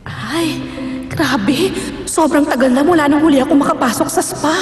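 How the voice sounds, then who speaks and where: A woman's voice: high voice, normal speed, roomy sound, in a large hall, soft background music, natural voice. A woman playing a polite, deferential middle-aged mother in a dubbed drama. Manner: polite, respectful with po.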